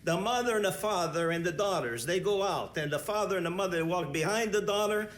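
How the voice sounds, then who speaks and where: An actor playing a chatty Italian bandleader who rambles with many fillers and halting restarts, in an Italian accent. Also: male voice, high voice, a bit bright. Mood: rambling. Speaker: band leader.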